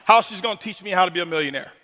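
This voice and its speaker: A man giving a motivational talk on stage, animated and teasing the audience with call-and-response questions, in a large hall. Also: high-pitched, very fast. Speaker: motivational speaker.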